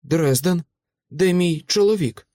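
A man reading aloud puts on a devout woman gripped by labor pains, her voice lifted high and strained as she pleads for help. She stays stern even in fear, and the reading sits close and dry in an audiobook. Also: slow, no echo. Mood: strained pleading.

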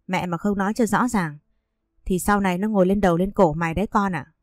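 A woman voicing a sharp-tongued, scolding middle-aged mother-in-law who sneers at her son's wife. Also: medium pitch, fast talker, no echo, clean studio sound, natural voice. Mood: scornful.

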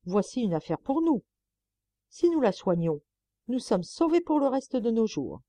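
A woman's voice: on the high side, big pitch swings, measured pace, warm tone, no echo, voice pushed up. A woman voicing a greedy, scheming male monk, grasping and pleading. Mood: eager.

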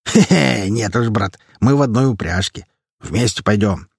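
A man voicing a burly bearded comrade who teases roughly and brashly in an audiobook. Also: lowish voice, measured pace, no echo, clean studio sound, exaggerated voice. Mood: mocking. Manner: teasing, rough and joking.

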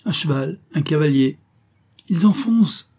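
A man's voice: mid-range voice, moderate pace, dark tone, lightly acted. A man reading an audiobook voices a timid young male servant who grumbles and then cries out in fear. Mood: alarmed. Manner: muttering complaints, then panicked cries.

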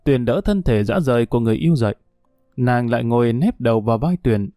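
Man reading a story aloud, dark mellow voice, dry sound, faint music behind. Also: medium pitch, lively intonation, fast, no echo. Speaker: narrator. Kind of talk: audiobook story narration.

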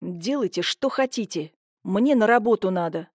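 An irritable, gruff middle-aged man, as a woman storyteller acts him out. He grumbles sarcastically and then flares into angry shouts. The recording is close and dry. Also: mid-range voice, animated, moderate pace, dry recording, close to an everyday voice.

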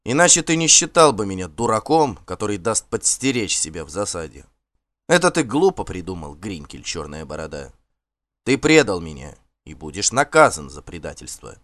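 A cold, commanding Norse warlord, as a male audiobook reader puts him on, sneering at a liar. The voice is low-pitched and dry, with scorn that rises and falls in lively swings. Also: normal speed, no room sound. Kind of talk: audiobook character voice.

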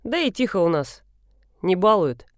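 A blunt, grumbling young man who rescues a stranger and then sulks about it, read by a woman in her own near-normal voice. His lines come out short and gruff. The recording is close and dry, with no room sound. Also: mid-range voice, very animated, moderate pace, no echo, lightly acted. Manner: grumbling, curt.

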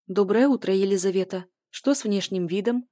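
A woman reading an audiobook, voicing a brisk workplace superior with a dryly ironic way of speaking. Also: medium pitch, mellow, no room sound, studio quality, close to an everyday voice.

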